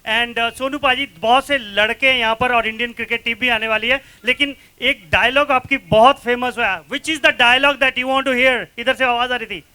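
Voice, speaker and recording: Very high, bright-voiced male emcee. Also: moderate pace, few pauses, clear, resonant tone. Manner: energetic, mixes Hindi and English, cheers the crowd. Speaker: event emcee. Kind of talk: stage hosting. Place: outdoor festival stage.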